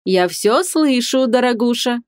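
A woman's voice: on the high side, animated, unhurried, clean tone, no room sound, studio quality, voice pushed up. A woman reading an audiobook, voicing an older, meddling mother in a knowing, teasing manner. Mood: sly.

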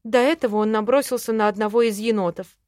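A woman reading a first-person audiobook in a lively, expressive way. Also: a little high, fast, no echo, clean studio sound. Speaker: audiobook narrator.

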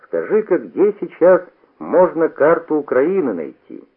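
A man puts on an excitable, boastful teenage boy who talks in a raised, eager voice. The pitch jumps around wildly. It plays through a tinny old radio broadcast. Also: unhurried, breathy edge, full character voice. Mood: excited. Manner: eager, shouting, sing-song.

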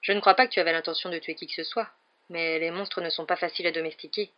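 A woman reading aloud, voicing a cold, calculating teenage schoolboy who speaks in smooth, quiet threats. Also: on the low side, steady tone, fast, highs cut off, lightly acted. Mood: coldly menacing.

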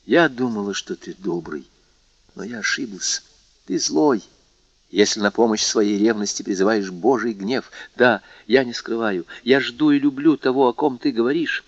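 A man reading a proud, faithful young fisher girl, speaking softly and gravely. The recording is dry and dull. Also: medium pitch, moderate pace, dry recording, natural voice. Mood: grave, sorrowful.

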